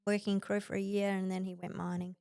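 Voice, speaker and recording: A woman's voice: mid-range voice, fast, vocal fry, clean tone, no room sound, studio quality. Australian woman telling a personal story. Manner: animated, acts out quoted voices, laughs often. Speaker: podcast guest. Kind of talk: conversational storytelling.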